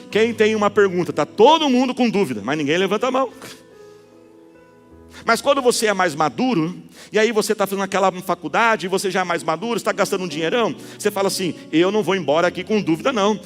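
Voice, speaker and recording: Brazilian pastor preaching with high pitch. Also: male voice, big-room sound. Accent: Brazilian Portuguese. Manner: storytelling with rhetorical questions to the congregation. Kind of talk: sermon. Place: church sanctuary.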